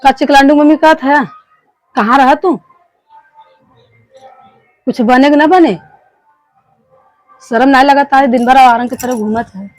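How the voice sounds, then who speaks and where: A woman's voice: sits high, fairly even intonation, measured pace, pauses often, soft background music, poor audio. A woman playing a fed-up village wife in a family skit, scolding and complaining in rustic speech with an eastern Hindi belt, Bhojpuri-Awadhi accent. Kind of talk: amateur family skit dialogue.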